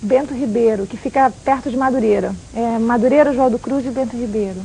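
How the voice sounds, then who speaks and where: High, fast-talking Brazilian woman guest. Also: vocal fry, dark tone, slight background noise, poor audio. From southern Brazil, raised in Rio de Janeiro. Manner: chatty, talks in quick runs with fillers. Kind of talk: casual talk-show chat.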